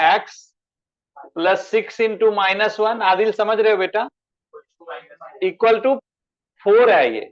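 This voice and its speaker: High-voiced man teaching a chemistry class. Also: highs cut off. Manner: addresses students as beta, asks them questions. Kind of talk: online class lecture.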